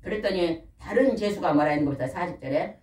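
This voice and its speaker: An older pastor's wife delivers a lively sermon in a church hall, her voice fairly low and fast. She's folksy and animated, putting questions to the congregation. The room echoes and the mic sits at a distance.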